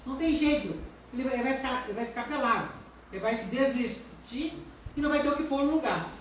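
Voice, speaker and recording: A woman's voice: high-pitched, fast talker, heavy reverb, slight background noise. A woman pastor giving an earnest sermon and asking her congregation questions, recorded from a distance in a church. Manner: earnest preaching with rhetorical questions.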